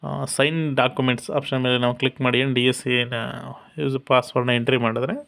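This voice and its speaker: A man narrating a step-by-step software walkthrough in a steady instructional manner. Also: medium pitch, fast talker, clean tone. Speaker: software tutorial presenter. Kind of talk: screen-recorded software walkthrough.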